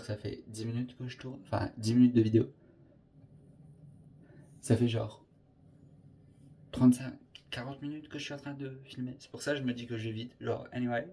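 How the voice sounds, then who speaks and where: A man's voice: mid-range voice, warm tone, a little hiss or hum. Chatty young man doing makeup. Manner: chatty, scattered, peppered with English filler words. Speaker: makeup vlogger. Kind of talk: casual makeup tutorial chat.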